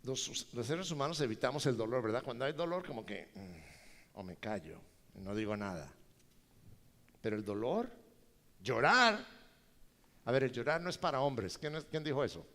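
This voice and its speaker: A male pastor preaching a sermon, animated and joking with his congregation. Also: medium pitch, normal speed, long pauses. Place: large church hall. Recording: reverberant church hall.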